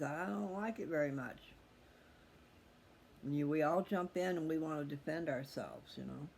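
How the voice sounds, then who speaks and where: Addressing his audience directly, a middle-aged man on his personal video channel gives a casual, candid monologue that wanders and reflects. His voice is medium-pitched and a little mellow, with background noise clearly audible.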